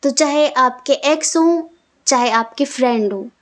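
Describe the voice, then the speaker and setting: High-voiced woman giving a tarot reading. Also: a little slow. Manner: earnest, repetitive, addresses the viewer directly. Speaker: tarot reader. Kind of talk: casual tarot reading to camera.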